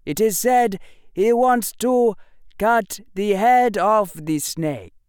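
Male actor as a loud, stern military commander who barks orders in a raised voice. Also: high-pitched, slow, clean tone, no room sound, clean studio sound, voice pushed up. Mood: commanding.

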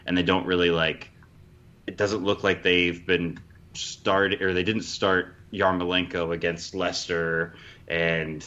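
A man chatting casually as a podcast panelist, thinking aloud in a halting way, on a dull recording. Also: low-pitched, little pitch movement, sharp tone. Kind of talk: casual football discussion.

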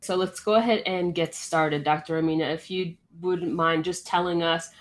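A woman with a notably low voice hosts a podcast. She reads her introduction in a smooth, formal way, then talks more loosely as she asks questions. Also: steady tone, moderate pace. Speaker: podcast host. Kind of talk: scripted intro then interview.

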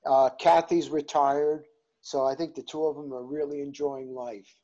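A man's voice: a little high, flat delivery, normal speed, warm tone, muffled recording. Older New Jersey man, rambling. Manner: rambling, hesitant with many fillers. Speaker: veteran guest. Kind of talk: casual video-call interview.

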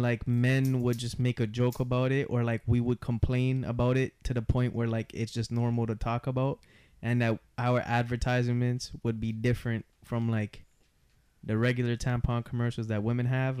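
A man's voice: mid-range voice, darkish tone, clean tone, dry recording. A young man speaking as a panelist in a casual, slangy, conversational chat. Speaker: podcast panelist.

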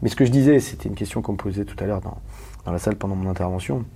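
Fast-talking man, low and dark. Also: husky. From Paris, France. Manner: rapid and emphatic, full of restarts and rhetorical questions. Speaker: guest. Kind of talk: candid conversational interview.

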